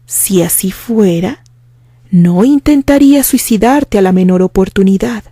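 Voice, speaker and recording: A woman voicing a gentle young woman who speaks softly and slowly, calm but menacing. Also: mid-range voice, breathy edge, no room sound, studio quality.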